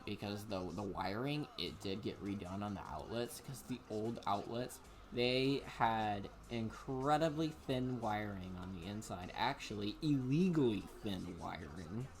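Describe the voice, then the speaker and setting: Slow-talking rambling young man, low voice. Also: expressive. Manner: rambling, many fillers and restarts. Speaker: let's play commentator. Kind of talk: casual gameplay commentary.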